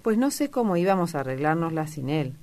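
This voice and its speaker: A worn old mother who scolds and complains, her low, voice sinking heavier and more plaintive, as a woman reads her aloud in a storybook. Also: big pitch swings, brisk, darkish tone. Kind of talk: audiobook character reading.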